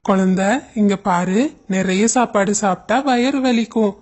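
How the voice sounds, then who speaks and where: A performer voicing a kind, wise green mango that gently gives advice in a cartoon story. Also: mid-range voice, normal speed, natural voice. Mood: soothing. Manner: gentle, soothing.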